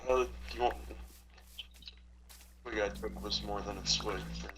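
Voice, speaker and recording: A man's voice: lowish voice, steady tone, normal speed, creaky. A tipsy man joining a casual podcast chat, playful and heckling. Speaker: podcast guest. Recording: distant mic with hiss.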